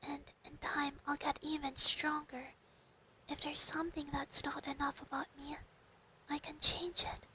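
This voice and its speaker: Woman playing a high soft-spoken possessive fox spirit. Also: monotone, unhurried, a little hiss or hum, low-quality recording. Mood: hurt, possessive. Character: possessive female fox spirit familiar, clingy and proud. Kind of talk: ASMR role-play. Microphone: close binaural microphone.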